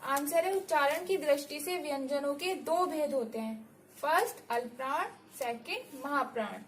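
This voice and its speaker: Woman teacher with a high voice, patient step-by-step explainer, faint ambient hiss behind. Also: moderate pace. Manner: explains step by step, often checks in with "okay, students". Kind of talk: online class lesson.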